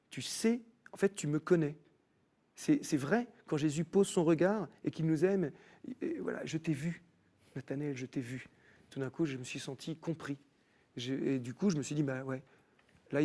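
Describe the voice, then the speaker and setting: Man, TV studio guest, faith testimony, animated, restarts often. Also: a little high. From France. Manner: animated storytelling, many restarts. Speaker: guest musician.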